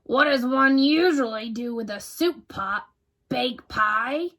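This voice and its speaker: A woman's voice: sits high, slow pace, fairly bright tone, full character voice. A woman voicing a bad-tempered, bossy male varmint in a children's storybook, snarling and sarcastic as it barks orders. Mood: sarcastic, snappish.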